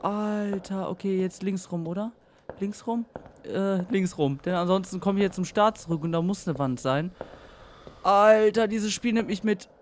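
A man commenting on a horror game as he plays. He is scared and tense, talks to himself and repeats phrases nervously, and swings between loud outbursts and near-whispers. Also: high voice, moderate pace, slight background noise. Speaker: let's play gamer.

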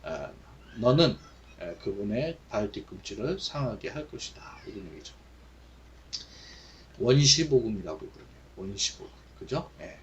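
A man teaching English Bible verses, reading each line slowly and then explaining it in Korean with many fillers. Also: lowish voice, very animated, a little hiss or hum.

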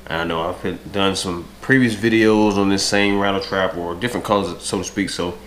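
A low-pitched, steady-toned American man in his thirties, a fishing vlogger, chats casually to camera at normal speed from a home dining room with big windows. A cold leaves his voice stuffy, nasal and congested, he keeps clearing his throat, and there's slight background noise.

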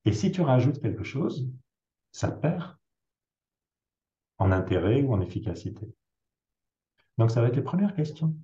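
Dark-voiced man explaining in a roomy recording. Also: mid-range voice, big pitch swings, a little slow, long pauses. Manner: explains with worked examples, frequent hesitations. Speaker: psychiatrist guest. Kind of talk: conversational clinical explanation. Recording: roomy, dull lo-fi sound.

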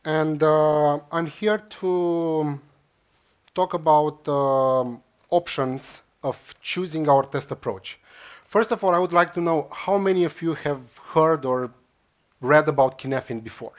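On a large lecture hall stage, a Romanian man gives a conference talk in a slightly high voice, taking his time. He explains things to the crowd with lots of "uh" fillers and restarts.

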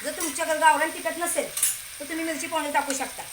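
Chatty high-voiced woman cooking at home. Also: fairly even intonation, quick pace. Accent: Marathi. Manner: chatty, keeps asking "okay?" and telling viewers to look. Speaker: home cooking channel host. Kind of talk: casual cooking demonstration. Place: home kitchen. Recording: echoey kitchen with cooking noise. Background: sizzling pan and clattering pots.

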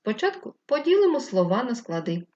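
A woman teacher giving a slow, clear first-grade lesson, patiently spelling words out syllable by syllable. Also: on the high side, sing-song, a little mellow. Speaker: primary school teacher. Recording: slightly dull lo-fi recording.

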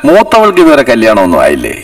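A man's voice: mid-range voice, wildly swooping pitch, fast. An actor playing a blunt, gossipy older lawyer, a proud father in his sixties, in dubbed film dialogue. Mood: chatty, teasing. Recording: distant mic, film music behind.

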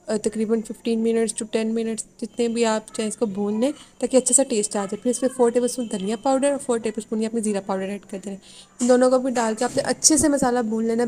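A woman's voice: a little high, dark tone. A woman from Pakistan, hosting a cooking channel in a chatty, instructive voice-over and mixing in English words. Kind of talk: casual recipe voice-over. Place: home kitchen.

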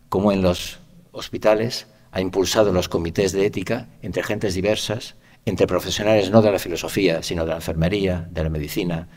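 A man from giving a reflective conference talk, often ending phrases with a questioning tag. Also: low-pitched. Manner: reflective, many rhetorical "¿no?" tags. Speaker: lecturer. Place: conference hall. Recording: lecture hall with long reverb.

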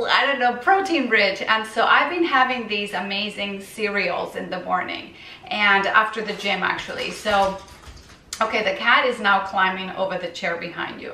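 A woman's voice: mid-range voice, pushed and bright, slight background noise. A woman vlogger chatting and rambling as she shows a recipe in her home kitchen. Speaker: raw vegan recipe vlogger. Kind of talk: casual kitchen demo. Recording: echoey kitchen, mic at a distance.

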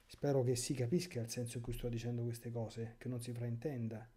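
Brief: male priest preaching catechesis, dark mellow voice, rhetorical and impassioned. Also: mid-range voice, little pitch movement, a little fast. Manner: impassioned, rhetorical, sarcastic asides. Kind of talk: catechesis sermon.

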